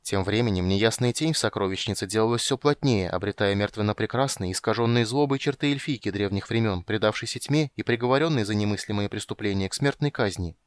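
A man narrating a fantasy audiobook with steady storytelling on a close studio mic. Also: lowish voice, quick pace, hardly any pauses, clear, resonant tone, dry recording.

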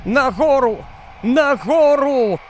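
A man's voice: high-pitched, expressive, measured pace, a little hiss or hum. A man reading a story, voicing a frightened housewife who cries out urgently. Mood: frantic. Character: frightened housewife, frantic and desperate.

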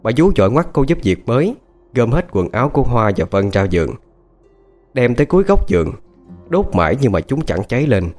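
A man narrating a ghost story in an expressive, scripted reading. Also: brisk. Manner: expressive, varies pitch widely. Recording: faint background music.

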